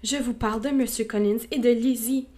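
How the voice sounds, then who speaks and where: A woman's voice: on the high side, fairly even intonation, brisk, dark tone, lightly acted. A woman doing a frantic, fussy mother. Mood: insistent. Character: fussy excitable middle-aged mother.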